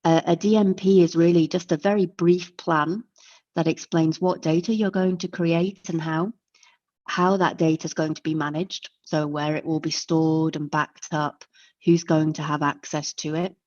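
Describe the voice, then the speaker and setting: At a moderate pace and in a steady tone, a woman with a deep, slightly mellow voice presents a friendly, step-by-step online lecture as a webinar host; English is her first language. The recording is dry, with dull lo-fi call audio.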